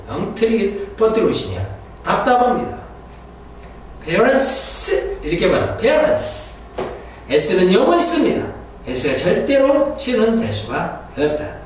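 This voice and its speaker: A male teacher lectures in a roomy, echoing space, heard from some distance off the mic. His voice sits high and swings widely in pitch while he talks slowly. He repeats English words emphatically for his class over a faint room hum. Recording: echoey room picked up from afar.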